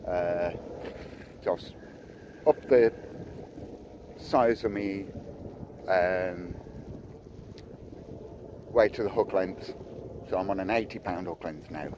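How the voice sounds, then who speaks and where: A man's voice: low voice, slow pace, pauses often. A middle-aged man chatting to camera about his fishing tackle, filmed outdoors on a seaside pier with a phone held at arm's length. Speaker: fishing vlogger. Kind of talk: casual vlog to camera. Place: outdoors on a harbour pier by the sea. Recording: windy outdoor phone recording. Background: wind and water noise.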